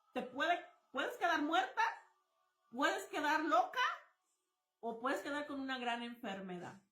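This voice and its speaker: A woman's voice: sits high, sharp tone, roomy sound. A woman giving a spontaneous testimony sermon, exclamatory and repetitive, often calling her listeners brothers. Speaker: preacher sharing testimony.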